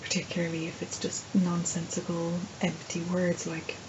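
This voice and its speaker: A woman's voice: on the low side, monotone, moderate pace. An Irish woman chatting casually to her viewers in a rambling, playful, self-deprecating video diary. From Ireland. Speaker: vlogger and writer. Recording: dull lo-fi sound, faint background noise.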